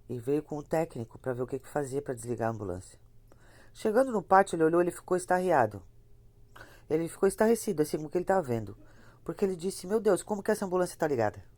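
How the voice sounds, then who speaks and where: Lady with a bit of a cold, low voice, chatting through a spooky tale. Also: expressive, fast talker, long pauses, a little mellow, dry recording. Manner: chatty, repeats herself, talks to listeners directly. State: has a cold, slightly congested. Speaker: storyteller of ghost stories. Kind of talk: casual spoken horror storytelling.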